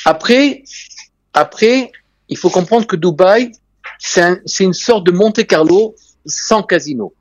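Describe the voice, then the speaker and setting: A man's voice: high voice, lively intonation, measured pace, dry recording, lo-fi sound. A man with a foreign, Israeli accent in French tells travel anecdotes conversationally as an interview guest, emphatically repeating key phrases. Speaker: interview guest, real estate and tourism businessman.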